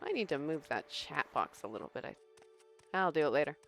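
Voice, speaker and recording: A woman's voice: deep voice, very animated, a little fast, soft background music. A woman streamer giving casual, playful gameplay commentary, chatting to viewers and thinking aloud. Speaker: game streamer.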